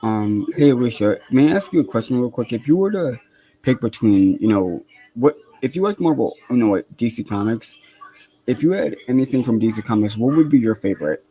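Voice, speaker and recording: A man's voice: mid-range voice, lively intonation, brisk, mellow, rough recording. A man chatting as a guest on a livestream, hesitant, with lots of ums and repetition. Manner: hesitant, repeats himself. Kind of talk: casual group chat.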